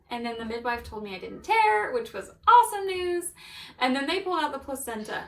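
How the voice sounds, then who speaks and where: A woman's voice: high-pitched, sing-song, normal speed, a bit bright. A woman in her thirties telling the story of her baby's birth in a casual, gushing way, laughing often. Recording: echoey room, mic at a distance.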